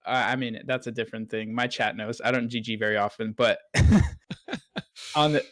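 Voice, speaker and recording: A man who streams games talks openly about his habits, reflective and unhurried, with frequent fillers. His voice sits at an ordinary pitch. The recording is dry with no room sound. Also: steady tone, fairly bright tone, no echo. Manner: reflective, candid, with fillers and restarts. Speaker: streamer and guest. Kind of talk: casual interview chat.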